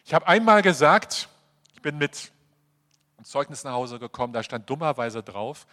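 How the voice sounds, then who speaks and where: A male preacher delivering a sermon, acting out quoted voices and swinging between emphatic passages and quiet, confiding asides. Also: mid-range voice, normal speed. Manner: animated, acts out quoted voices. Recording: long hall reverb.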